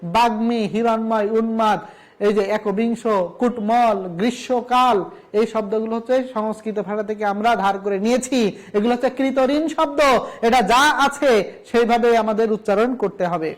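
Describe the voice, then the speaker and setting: A man's voice: high-pitched, moderate pace. Man, college lecturer, recorded lesson, emphatic, repeats instructions. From Bangladesh. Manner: emphatic, drills word lists, repeats instructions.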